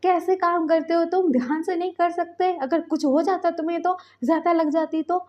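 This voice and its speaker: A woman's voice: high-pitched, moderate pace, muffled recording, pitched above the performer's own voice, natural voice. A woman voicing an adult man who scolds his partner out of worry, in an exasperated tone. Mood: scolding.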